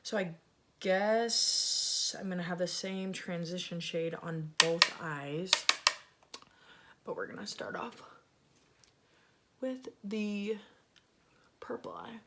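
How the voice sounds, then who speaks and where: A woman's voice: lowish voice, slow pace, pauses often, noisy background. A woman with a lisp that makes her s sounds slushy, chatting casually and self-deprecatingly as a beauty vlogger reviewing makeup.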